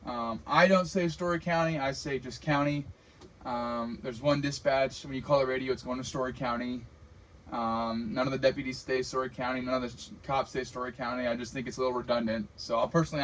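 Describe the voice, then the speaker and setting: An American firefighter who trains crews in radio communications gives an informal lecture on fire radio, explaining things in a casual, plain-spoken way. His voice is mid-range and the audio is poor.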